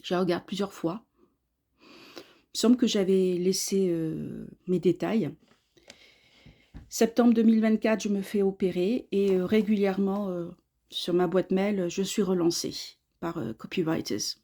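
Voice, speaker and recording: A woman in her fifties, originally from Australia, tells her own story straight to the listener. Her voice is mellow and warm. She speaks earnestly in short, halting phrases, stopping often to find her words. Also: medium pitch, fairly even intonation. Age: 50s. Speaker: course student giving a testimonial. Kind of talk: personal testimonial monologue.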